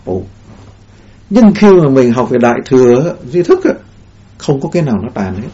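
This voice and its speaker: A man's voice: mid-range voice, sing-song, moderate pace, warm tone. A man giving a Buddhist dharma talk in a rambling way, with many fillers and restarts. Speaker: Buddhist teacher. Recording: dull lo-fi recording.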